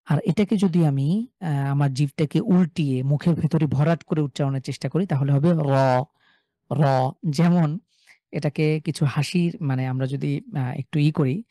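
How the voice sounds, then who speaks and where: A man's voice: fairly high pitch, mellow, no echo, studio quality. Patient Bangladeshi man teaching recitation. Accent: Bangladeshi Bengali. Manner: patient, repeats and drills words slowly, asks the class "ঠিক আছে?". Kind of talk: live online tajweed class.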